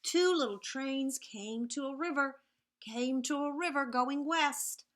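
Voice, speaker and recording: With a high voice, a woman reads picture books aloud to young children, expressive and sing-song, occasionally hushing into whispery repeated sound words. She pauses along the way to point things out to her young audience.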